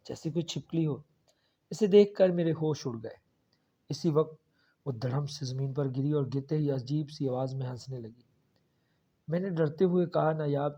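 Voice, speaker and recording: A man's voice: fairly high pitch, mellow. A man narrating a first-person horror story in a dramatic, tense storytelling manner, on a dull lo-fi recording. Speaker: audiobook narrator. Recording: dull lo-fi audio.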